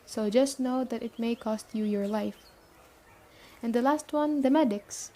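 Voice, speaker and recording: In a brisk, no-nonsense ASMR roleplay, a woman speaks straight to the listener as a stern yet caring female leader of a survivor camp after the apocalypse. Her voice is a bit high, very mellow and soft, close to how she'd normally talk, and she sounds earnest and businesslike.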